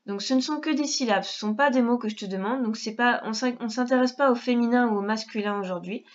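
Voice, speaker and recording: A woman teacher giving a dictation lesson to young children, speaking slowly and carefully, repeating each syllable and addressing the child directly. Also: on the high side, dull audio. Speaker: primary school teacher.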